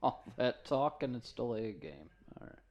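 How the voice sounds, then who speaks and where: A man giving color commentary at a college football game, with quick asides and easy laughter. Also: medium pitch, sing-song, dull audio.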